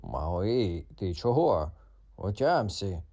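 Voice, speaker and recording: Man playing a gruff, proud storybook tomcat. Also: sits low, big pitch swings, dark tone, heavily acted. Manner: growling, slow, drawn-out threats. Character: proud, grumpy tomcat, noble and blustering.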